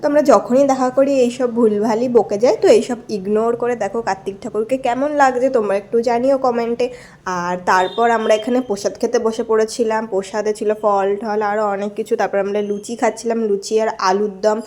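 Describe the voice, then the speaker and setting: Hoarse woman, slightly high and mellow, casual chatty vlog voice-over. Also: steady tone, moderate pace. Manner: chatty, addresses viewers directly. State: hoarse from a cold. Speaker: vlogger narrating her video.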